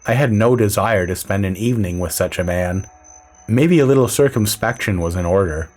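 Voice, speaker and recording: A man narrating a story in the first person, with a dry, measured, low-key delivery. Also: a little mellow.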